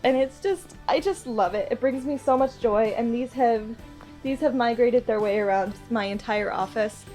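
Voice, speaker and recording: Congested with a cold, a woman shows her viewers some gifts in a vlog, chatting and gushing in a girlish way. Her nasal voice is on the high side with a dark tone, at normal speed over soft background music.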